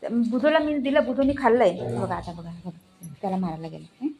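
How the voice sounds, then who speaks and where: A woman filming her pets at home, coaxing them in high baby-talk while explaining to viewers. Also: big pitch swings, a little fast, mellow, slight background noise. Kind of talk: casual home video chat.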